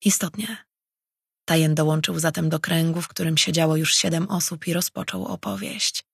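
An audiobook narrator reading scripted fantasy narration in an even, steady way, close to the mic. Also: medium pitch, brisk, creaky, husky, no room sound.

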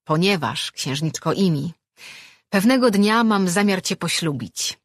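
A woman's voice: on the low side, animated, a little slow, no echo, studio quality. A woman reading an audiobook, voicing a merchant's son who is a stubborn, proud young boy. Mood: teasing.

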